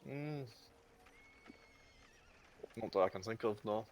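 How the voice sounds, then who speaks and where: A man voicing a brisk woman blacksmith in her early thirties with an Irish accent, gruff and matter-of-fact. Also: fairly low pitch, slight background noise. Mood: businesslike. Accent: Irish, put on. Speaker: game master.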